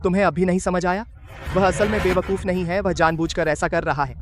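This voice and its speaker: A man's voice: sits high, fairly even intonation, fairly quick, background noise, natural voice. An actor playing a sneering, hot-tempered young male rival who taunts and threatens in a dubbed short drama.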